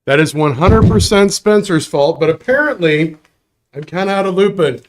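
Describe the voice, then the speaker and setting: A man's voice: high voice, lively intonation, moderate pace, slight background noise. A man hosting a live bar prize giveaway show, jokey and upbeat, with chuckles and asides.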